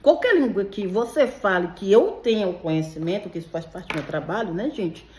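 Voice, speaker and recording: A woman's voice: medium pitch, animated, brisk, darkish tone, a little hiss or hum. A woman and interpreter telling her own true paranormal story in an emotional, confiding way, speaking straight to her listeners. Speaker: legal and medical interpreter. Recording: roomy echo.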